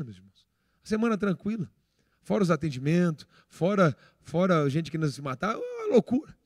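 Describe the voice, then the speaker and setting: A man's voice: on the high side, dry recording, clean studio sound. A middle-aged Brazilian man preaching a sermon, telling stories animatedly and acting out the dialogue. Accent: Brazilian Portuguese. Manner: animated storyteller, acts out dialogue, frequent restarts. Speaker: pastor. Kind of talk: sermon with personal storytelling.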